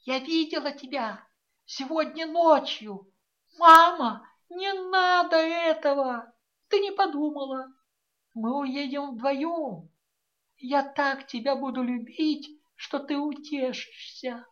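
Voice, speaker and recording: Audiobook casting: a woman voicing a teary young daughter, high and pleading, theatrical, slightly dull recording. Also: slow pace, sharp tone, full character voice.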